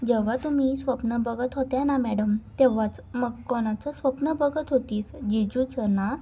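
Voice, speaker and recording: A woman voicing a lively, teasing young woman who looks out for her friend in a read-aloud story. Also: a little high, moderate pace, slightly rough, dull audio. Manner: teasing and protective.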